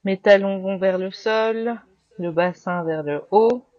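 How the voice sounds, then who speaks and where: A woman with a French accent guiding a yoga class, giving calm, slow cues with breath counts. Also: medium pitch, no echo, highs cut off. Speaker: yoga teacher. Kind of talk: guided yoga class instruction.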